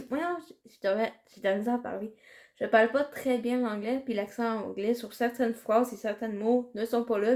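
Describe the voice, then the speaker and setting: A woman's voice: on the high side, a little mellow. A woman with a Quebec French accent chatting casually through a makeup tutorial, rambling and hesitant with many fillers. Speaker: makeup vlogger.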